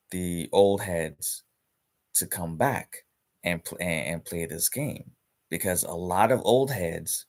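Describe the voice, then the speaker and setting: Live on stream, a man goes off on a loose, rambling rant about a mobile game, hiccuping as he repeats himself and starts his sentences over. He's a gaming streamer whose voice is low-pitched with a bit of brightness.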